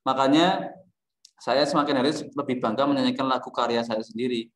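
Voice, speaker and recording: A male teacher giving a music lesson, joking and teasing his students between explanations. His voice sits at an ordinary pitch, and it rings around a bare, echoey classroom. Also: a little fast.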